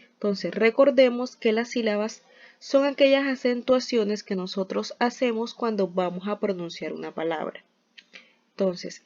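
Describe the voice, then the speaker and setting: A woman's voice: on the high side, a little mellow. A woman teacher giving a scripted spelling lesson, explaining step by step with examples and often starting with "entonces". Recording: dull lo-fi recording.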